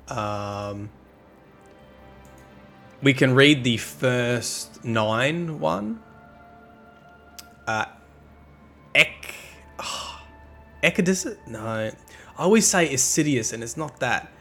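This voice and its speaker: Male streamer, middle pitch, casual lore reading that trips on words; soft music bed. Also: animated, extremely slow, long pauses. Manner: chatty, trips over hard words. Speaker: live streamer.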